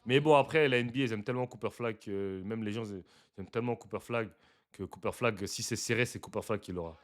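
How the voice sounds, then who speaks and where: A young man giving casual live reaction commentary to basketball footage, slangy and chatty, breaking into loud excited exclamations. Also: fairly low pitch, fast talker.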